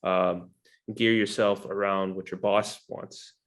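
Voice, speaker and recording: A man's voice: deep voice, flat delivery, slow pace. A man hosting an interview, asking long, rambling questions full of "um" and "you know" in a friendly, chatty way. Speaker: interview host. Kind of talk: casual interview chat.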